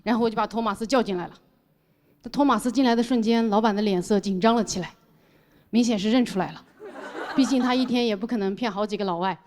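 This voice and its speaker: A woman comedian telling a stand-up story in an animated, exclamatory way on a stage mic. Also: mid-range voice, quick pace.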